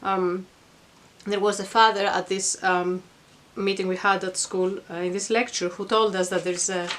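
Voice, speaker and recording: A middle-aged woman vlogger speaks to camera from her home attic, giving an informal explanation in a reflective, earnest, conversational way. Her mid-range, fairly bright voice is flat at a moderate pace, with a little hiss or hum in the recording.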